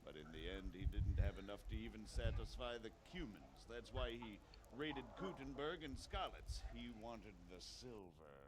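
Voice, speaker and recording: Actor as an assured courtly lord, lively intonation. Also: male voice, on the low side, normal speed, hardly any pauses, background noise, lightly acted. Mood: arguing. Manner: formal, assured. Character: composed, courtly high-ranking medieval lord. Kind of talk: scripted dramatic game dialogue.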